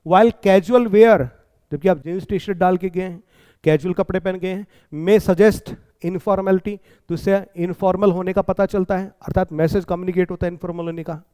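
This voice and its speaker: A man teaching an exam-prep lecture in Hindi, with English lines in an Indian accent. He reads the English slowly and explains quickly, often asking rhetorical questions. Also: high-pitched, flat delivery, mellow, clear, resonant tone.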